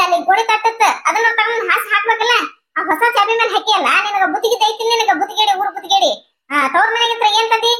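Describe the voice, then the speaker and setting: A woman voicing a sharp-tongued, stingy old mother-in-law in a cartoon, nagging and scolding in a North Karnataka Kannada accent. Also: very high voice. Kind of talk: cartoon voice acting.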